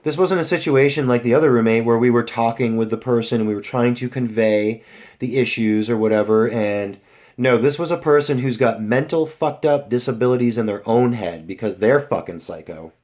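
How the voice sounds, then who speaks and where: A young male vlogger with a mid-range voice, a little fast and a little mellow, chats casually with his viewers. He rambles on, full of fillers and restarts.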